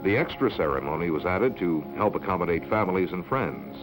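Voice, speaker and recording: Man, old newsreel narrator, formal and measured, somewhat low voice. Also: animated, loud music behind the voice, low-quality recording.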